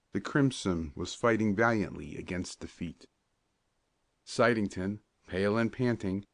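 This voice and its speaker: A man reading a children's storybook aloud in a steady, measured narration. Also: lowish voice, dry recording, clean studio sound. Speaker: audiobook narrator.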